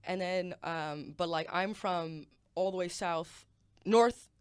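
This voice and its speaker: A woman's voice: fairly low pitch, slow pace, clear, resonant tone, dry recording. A young woman from Galicia in Spain, a podcast guest chatting casually, rambling with many fillers and easy laughs. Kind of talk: casual chat.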